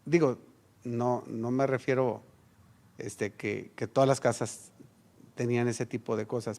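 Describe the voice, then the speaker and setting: A man's voice: mid-range voice, a little mellow. A middle-aged man with a Mexican Spanish accent preaching a sermon, telling a personal story and acting out voices in quotes. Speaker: pastor.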